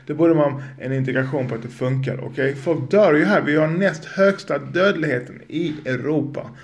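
A man hosting a podcast, ranting angrily and swearing emphatically. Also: medium pitch. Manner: angry, profane, emphatic. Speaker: podcast host. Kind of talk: heated podcast rant.

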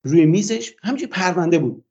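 Older man with a dark, dull voice. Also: high voice, expressive, husky. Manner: long, hesitant retelling with frequent "uh" fillers. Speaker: interview guest. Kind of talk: personal account in a radio interview.

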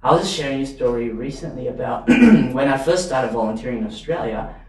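An animated Malaysian man with a medium-pitched voice talks a little fast, far from the mic in a very echoey room with faint noise. A non-native speaker who learned English as his third language, he's a podcast guest and volunteer advocate giving advice and telling stories conversationally in a Malaysian accent.

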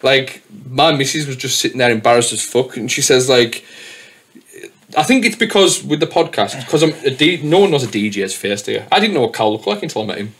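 A young man hosting a casual podcast, talking at an ordinary mid pitch. He tells stories in a loose, chatty way, swearing freely and stacking up fillers as he goes. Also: animated, fairly quick, a bit bright. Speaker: podcast host. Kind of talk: casual chat.

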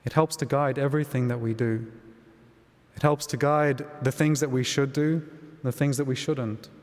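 Priest ringing through a cathedral echo. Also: male voice, mid-range voice. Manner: calm and measured, with some restarts in the homily. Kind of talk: gospel reading and homily at Mass. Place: large church. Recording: long reverb of a large church.

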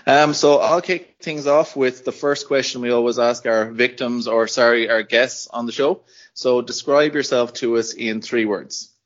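A man hosting a podcast, putting questions in a brisk, joking way. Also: mid-range voice. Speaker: podcast host. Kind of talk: casual podcast interviewing. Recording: dull lo-fi podcast audio.

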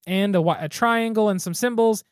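His voice sits high yet clear and resonant, moving at normal speed. As podcast co-host he chats easily about a beer he's reviewing, thinking aloud and restarting, in a clean studio recording free of room sound.

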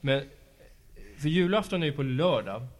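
A man working at a school, interviewing children in a casual, patient and encouraging way, asking gentle follow-up questions. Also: fairly high pitch, animated, a crowd in the background. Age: adult. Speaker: school after-school staff interviewer. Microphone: handheld mic passed to pupils.

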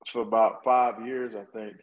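A man chatting casually with friends in a hesitant, halting way. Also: fairly low pitch, little pitch movement, dull audio, slight background noise. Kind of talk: casual chat among friends.

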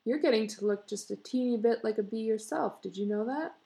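A woman voicing a fussy, anxious young wife and mother, speaking higher and louder with urgency. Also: brisk, vocal fry.

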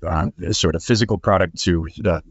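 A man, a guest on a podcast panel, talking casually in a halting way with many fillers. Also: low-pitched, no echo. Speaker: guest, head of product. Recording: slightly muffled podcast recording.

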